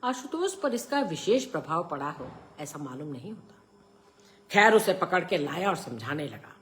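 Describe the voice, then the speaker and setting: A middle-aged woman reading a short story aloud, expressive and raising her voice for the quoted lines. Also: low-pitched, moderate pace, a little hiss or hum.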